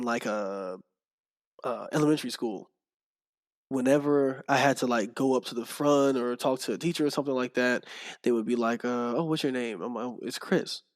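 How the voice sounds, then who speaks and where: Telling stories as a podcast guest, this young man chats casually with a mid-range voice. He's animated, laughs often, and performs other people's lines.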